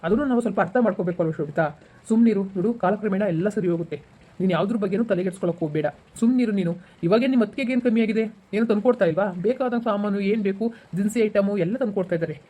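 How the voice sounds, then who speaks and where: A man playing a calm, reassuring husband in an amateur village family drama. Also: high voice, quick pace. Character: gentle, patient rural husband.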